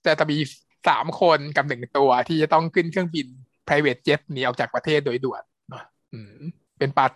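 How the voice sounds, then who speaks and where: A man co-hosting a podcast, retelling a series plot in a relaxed, meandering way. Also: fairly high pitch, no echo. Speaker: podcast co-host, series reviewer. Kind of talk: casual review chat.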